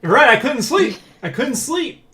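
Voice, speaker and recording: This dev blog host and comic artist has an extremely high-pitched voice and speaks unhurriedly, addressing both his audience and a co-worker. He rambles excitably, constantly seeking agreement with "right?" and "you know?", over a little hiss or hum.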